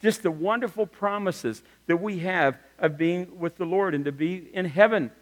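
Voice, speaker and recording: A middle-aged man preaching a sermon as pastor, telling stories with humorous asides and lively emphasis. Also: high-pitched, normal speed. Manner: animated storytelling with humorous asides. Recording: long reverb of a large hall.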